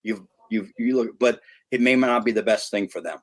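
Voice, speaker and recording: Here the middle-aged American guest speaks on the low side at a moderate pace. A youth sports consultant in a podcast interview, he comes across as earnest and emphatic and keeps starting his sentences over.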